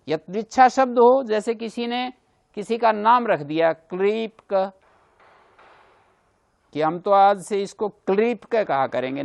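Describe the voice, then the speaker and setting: Guy teaching grammar class, kinda high voice w lots of gravel, goes over examples again n again. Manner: explains patiently, repeats examples. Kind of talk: classroom lecture.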